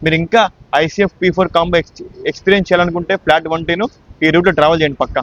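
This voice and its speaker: A man's voice: steady tone, very fast, a bit bright. A man chatting enthusiastically as he vlogs a train journey, recorded on a phone inside the moving carriage. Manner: chatty, enthusiastic, mixes English words into his talk. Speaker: train travel vlogger. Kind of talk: casual on-train vlog narration. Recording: dull lo-fi phone audio with train rumble. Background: train noise.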